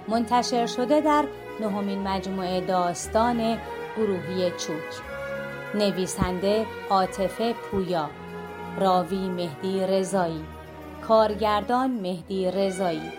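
A woman reading scripted programme credits in a formal, even manner. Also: mid-range voice. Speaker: announcer. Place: recording studio. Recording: studio voice over clear music.

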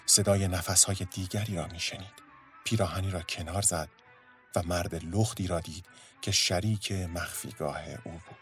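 A man narrating a story in a steady, measured storytelling voice. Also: sits low, faint music behind.

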